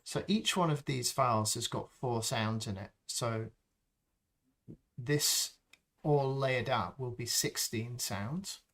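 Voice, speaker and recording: A man hosting a live stream, calmly talking through a sound-design process step by step and thinking aloud as he works. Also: mid-range voice. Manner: slow, thinking aloud as he works, with frequent ums. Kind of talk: unscripted tutorial walkthrough.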